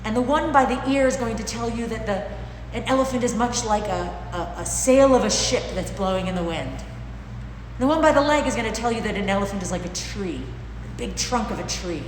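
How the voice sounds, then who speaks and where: A middle-aged woman teaching informally to camera, slightly muffled through a face mask, explaining things in a deliberate, emphatic way. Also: fairly high pitch. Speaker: dog trainer and class host. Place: large bare indoor training room with concrete-like floor. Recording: echoey hard-walled room, clear background noise.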